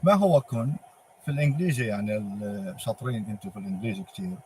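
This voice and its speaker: A man with a Palestinian Arabic accent giving an informal religious monologue, halting and posing emphatic rhetorical questions. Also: fairly low pitch, a little mellow. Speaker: religious speaker. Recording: clearly noisy ambient background.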